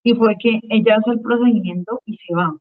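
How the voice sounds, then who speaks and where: A woman's voice: a little high, brisk. A woman giving a personal faith testimony as a guest, speaking earnestly and emotionally and repeating phrases for weight. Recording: tinny phone-line sound.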